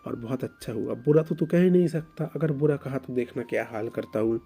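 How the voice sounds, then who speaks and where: A man's voice: medium pitch, a little fast, mellow, breathy edge. A man doing a bossy, teasing older sibling.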